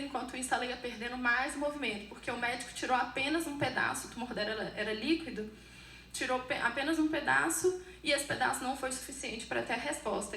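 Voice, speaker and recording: A woman with a Brazilian Portuguese accent giving an earnest personal testimony in church, halting often and restarting her phrases. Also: sits high, fairly bright tone, reverberant, far from the mic, a little hiss or hum.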